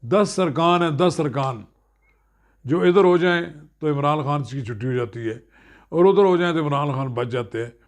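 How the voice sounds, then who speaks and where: A man's voice: a little high, a little fast. A man with a Pakistani Urdu accent giving earnest political news commentary, explaining events to his viewers.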